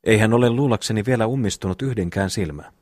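A man voicing a calm, thoughtful brother who speaks in measured, sermon-like phrases in an audiobook reading. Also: lowish voice, no echo, studio quality, close to an everyday voice. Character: calm, wise, reasoning young brother.

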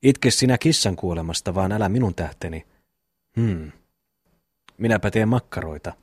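Boastful, blunt young peasant brother, read by a man, low and husky, dry close sound. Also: lively intonation, dry recording. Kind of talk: audiobook reading of a classic novel.

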